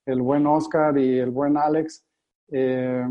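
A man's voice: medium pitch, little pitch movement, slow pace. A man hosting a podcast, encouraging his guest with long, talkative questions. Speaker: podcast host. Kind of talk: interviewing. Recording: dull lo-fi audio.

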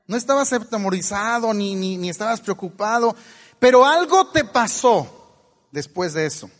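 A man's voice: high voice, animated, moderate pace, big-room sound. A man with a Mexican accent giving a playful motivational talk to an audience, acting out voices and laughing often. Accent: Mexican Spanish. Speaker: motivational speaker.

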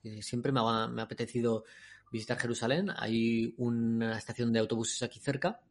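A man's voice: mid-range voice, moderate pace. A man, casually telling a travel story on a podcast and laughing as he goes. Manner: animated, laughs while telling. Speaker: podcast co-host.

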